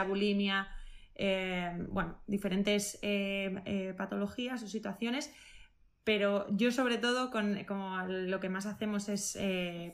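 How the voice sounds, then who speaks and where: A woman speaks as a nutritionist in a relaxed interview. She sounds eager and talks her ideas through, restarting her sentences and leaning on small fillers as she goes. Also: mid-range voice. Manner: enthusiastic, thinks aloud, rephrases with many fillers. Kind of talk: casual interview answers.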